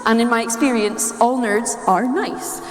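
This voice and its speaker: This Scottish woman has a fairly high voice and a measured pace, with soft music behind her. Addressing a live crowd in a big hall, she delivers a nerdy, funny talk playfully and laughs at her own puns, all under long, echoing reverb.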